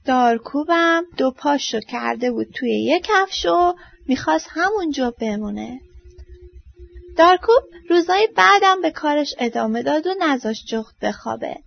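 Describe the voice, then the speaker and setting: A woman storyteller reading a children's story aloud, expressive and trailing off softly at line ends. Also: sits high, gravelly. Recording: dull lo-fi dry recording.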